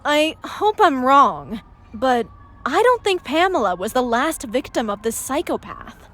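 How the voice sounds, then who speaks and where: An actress playing a serious, determined young journalism student in a video game, insistent and pointed. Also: female voice, sits high, sing-song, unhurried, a bit bright, heavily acted. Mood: guarded, serious. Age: young adult.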